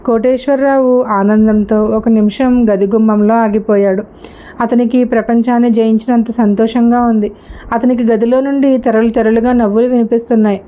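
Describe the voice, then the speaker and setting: A woman's voice: a little high, steady tone, moderate pace. A woman narrating a story as a storyteller, reading steadily and evenly. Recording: slightly dull lo-fi recording.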